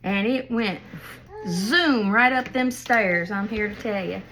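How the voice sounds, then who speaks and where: A mid-range, bright voice with a forceful tone moves slowly over a little hiss or hum. The speaker, an older woman who vlogs about crafts, shows a project at home while spinning family stories, folksy and chatty, often laughing at her own tales.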